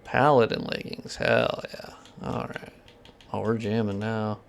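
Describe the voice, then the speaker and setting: With a lowish voice, fairly even intonation, and vocal fry, a man streams gameplay at an unhurried pace. He talks casually with viewers, cursing freely and explaining technical points between his reactions.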